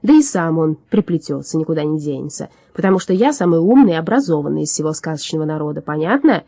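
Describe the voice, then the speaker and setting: A woman's voice: low-pitched, big pitch swings, fast, no echo, clean studio sound, heavily acted. A woman playing a grumpy, boastful old hunchback alchemist. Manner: shouting, bragging and scornful. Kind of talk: audiobook character voice.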